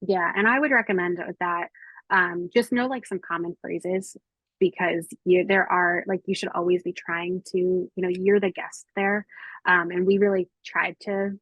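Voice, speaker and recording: A woman's voice: fairly low pitch, steady tone, normal speed, fairly bright tone, no room sound, poor audio. A woman with an American accent chatting casually and informally as a travel podcast co-host.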